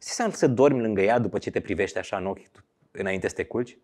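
A man in his thirties, a radio host and comedian, chatting as an interview guest in a joking, sarcastic way. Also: lowish voice. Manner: joking and sarcastic, breaks into loud mock quotes. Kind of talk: casual interview chat.

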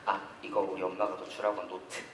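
A teenage boy in a school play, acting a soft-spoken, caring boy who teaches sign language with patience. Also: low-pitched, monotone, fast. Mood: tender. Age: teens. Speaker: student actor in a school play. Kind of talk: amateur stage acting. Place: school stage. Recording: echoey hall, mic far from stage, loud noise.

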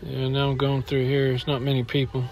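A man's voice: mid-range voice, monotone, brisk, faint music behind. Grumbling man walking a near-empty mall. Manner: grumbling, blunt, complaining. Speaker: vlogger. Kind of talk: walking mall tour vlog. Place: indoor shopping mall, walking.

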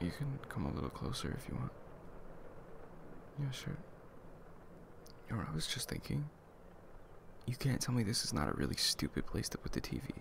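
A young man acting as a laid-back, caring best friend in a casual, intimate ASMR boyfriend role-play, murmuring conversationally with a gravelly voice. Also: medium pitch, very animated, normal speed, pauses often. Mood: gently caring. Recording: clear background noise, ambient sound.

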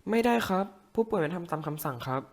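Fast, very low-pitched woman emergency caller. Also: lively intonation. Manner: short, polite answers. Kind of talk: scripted emergency call answers.

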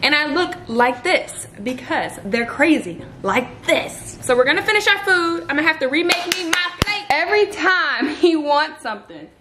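A woman's voice: sits high, lively intonation, moderate pace, hardly any pauses, background noise. A woman, a stay-at-home mom, chatting candidly to camera in her home kitchen with lots of slang and laughter. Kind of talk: casual vlog chat to camera.

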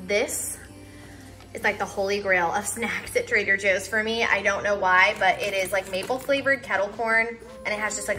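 A woman's voice: fairly high pitch, sharp tone. A young woman chatting casually in a vlog voice-over, full of "like" and "um" fillers. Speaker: lifestyle vlogger. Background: background music.

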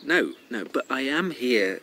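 A man's voice: medium pitch, animated, unhurried, bright, forceful tone, slight background noise, poor audio. An actor playing a hesitant, stammering older brother who awkwardly warns a woman off. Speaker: Rex, protective older brother. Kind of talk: radio drama acting.

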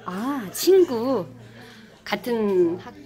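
In a fairly high, mellow, sing-song voice that draws out her words, a woman offers chatty commentary on an outdoor wedding in Kenya. She laughs often, and music plays in the background.

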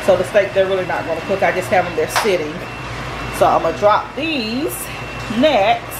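A woman in her thirties talks her viewers through a home cooking vlog in a relaxed, chatty way. Her voice sits at an ordinary middle pitch. The camera sits on the counter across her kitchen, and loud background noise runs under her voice. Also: moderate pace. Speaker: vlogger cooking with her daughter. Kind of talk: casual cooking vlog chat.

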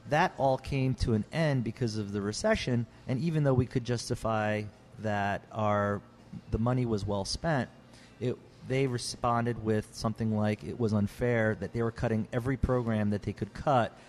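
A man's voice: mid-range voice, fairly even intonation, moderate pace, darkish tone, slight background noise. A middle-aged man, a winemaker explaining his trade in an earnest, casual way with frequent restarts. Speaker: Texas winemaker guest. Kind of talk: casual interview talk.

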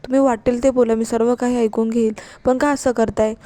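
A meek young wife apologizes and gently coaxes her husband, read by a woman. The voice is soft, mellow and fairly high. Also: fairly even intonation, fairly quick, no room sound, lightly acted. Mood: coaxing. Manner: apologetic, coaxing.

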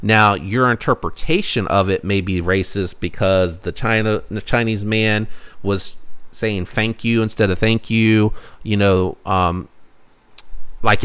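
A middle-aged man from the United States talks through his views in a casual, earnest commentary. His voice sits a little low, and he often pauses on an "um" or restarts a phrase while he thinks it through. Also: fairly bright tone, clear, resonant tone. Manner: earnest, reflective, many ums and restarts. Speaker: channel host. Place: indoors at a table with knives laid out.

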